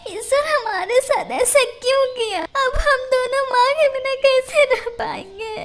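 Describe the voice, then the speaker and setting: A woman voicing Munmun, an elder female cartoon bird who speaks softly and tearfully. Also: extremely high pitch, measured pace. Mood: grieving. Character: elder female bird sister, gentle and sorrowful.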